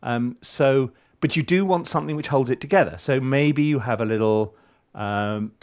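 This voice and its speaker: With a mid-range voice at normal speed, a middle-aged composer rambles casually through his music session on a screen share, using lots of ums and restarts as he teaches film scoring. The background is noisy, and his session's music plays faintly.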